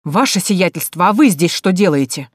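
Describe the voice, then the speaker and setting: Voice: mid-range voice, expressive, normal speed, breathy edge, no room sound, studio quality. A reader voicing a coarse, sneering nobleman who barks insults in an audiobook. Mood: startled. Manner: spiteful, barking insults. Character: brutal sneering nobleman, a grown man. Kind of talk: audiobook character voice.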